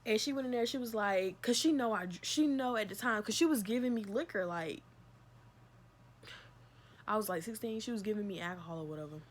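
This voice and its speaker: A woman's voice: mid-range voice, brisk, a little hiss or hum. A young woman vlogger candidly retelling a personal story in a casual, emphatic way, with slang and swearing. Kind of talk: storytime vlog.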